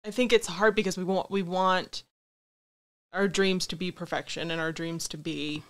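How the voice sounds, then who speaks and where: A woman's voice: fairly low pitch, steady tone, moderate pace. A woman guesting on a podcast, speaking in a candid, reflective and self-deprecating way in casual conversation.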